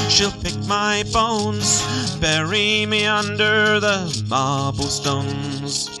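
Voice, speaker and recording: A man voicing a small frightened girl who sings a high pleading rhyme.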